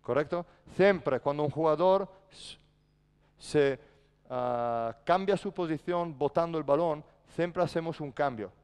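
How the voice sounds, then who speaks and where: A man's voice: fairly high pitch, a little slow, a little mellow, clear, resonant tone. A man coaching a basketball practice in a large indoor gym, barking short commands and then explaining patiently. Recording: echoey gym reverb.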